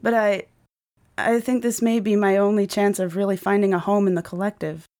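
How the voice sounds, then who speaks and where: A man's voice: sits high, level tone, fairly quick, darkish tone, pitched above the performer's own voice, close to an everyday voice. A male narrator voicing a flustered, earnest young woman who used to be a man, in an audiobook. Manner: flustered, pleading.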